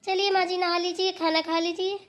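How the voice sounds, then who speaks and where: A woman voicing a meek young daughter-in-law, very high voice. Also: flat delivery, a little fast. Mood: polite. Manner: soft, obedient, polite. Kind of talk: cartoon voice acting.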